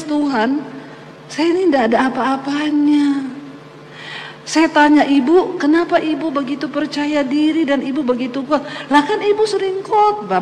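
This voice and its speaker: A woman's voice: sits high, a little hiss or hum. A woman in her fifties, a pastor, preaching a sermon as a personal testimony and acting out the voices in her story. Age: 50s. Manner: animated storytelling, acts out dialogue. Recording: long hall reverb, faint ambience.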